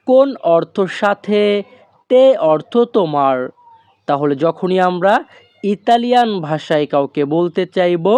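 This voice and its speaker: A Bengali-speaking teacher giving an Italian phrase lesson, saying each phrase very slowly and then breaking it into single words. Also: mid-range voice, a little mellow, no echo. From Bangladesh. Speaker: language teacher.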